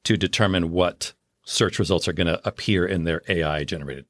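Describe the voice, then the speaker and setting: A man's voice: low voice, fairly quick, dry recording, clean studio sound. A man co-hosting a podcast, explaining things in a confident, opinionated, casual way. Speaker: podcast co-host.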